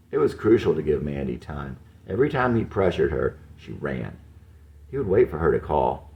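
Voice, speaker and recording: A man narrating an audiobook novel with an expressive, varied delivery. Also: extremely low pitch, gravelly, dull audio.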